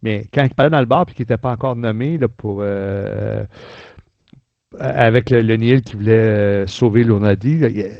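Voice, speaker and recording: Speaking at a moderate pace in a fairly low, gravelly voice, a man with a Quebec French accent hosts an informal podcast chat reviewing books and an audio drama. The recording is dry and sounds dull.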